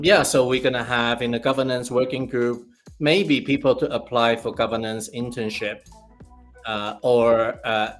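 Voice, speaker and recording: A man co-hosts a relaxed crypto chat and keeps stumbling through his thoughts with fillers and restarts. His voice sits at a middle pitch. Faint music plays underneath. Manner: hesitant, restarts often, laughs easily. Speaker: co-host. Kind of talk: casual chat.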